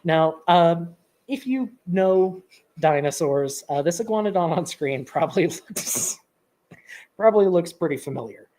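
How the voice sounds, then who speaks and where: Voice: mid-range voice, expressive, a little slow, warm tone. A presenter in casual educational chat, talking with many ums and light laughs. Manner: chatty, with filler ums and laughs.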